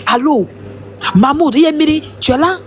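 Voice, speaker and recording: A man's voice: very high-pitched, moderate pace, voice pushed up. A man putting on a mocking voice of an eager man phoning his brothers and coaxing them to come over. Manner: mocking, excited.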